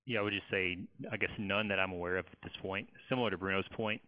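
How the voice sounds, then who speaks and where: Very deep, flat-voiced man on a dull line. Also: fast talker, no room sound. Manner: hesitant, heavy use of uh. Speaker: webinar panelist, seed industry. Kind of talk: webinar Q&A answer. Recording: dull dry remote line.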